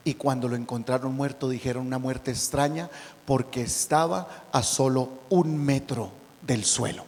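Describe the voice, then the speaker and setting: A priest giving an emotional, dramatic sermon, telling stories and rising to loud emphasis. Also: male voice, medium pitch, moderate pace, in a large hall.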